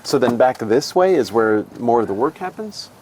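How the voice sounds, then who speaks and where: A man hosting a show interviews a monk while being shown around a monastery garden, asking curious, reflective questions in a casual way. His medium-pitched, slightly mellow voice swings widely in pitch at a moderate pace, with slight background noise.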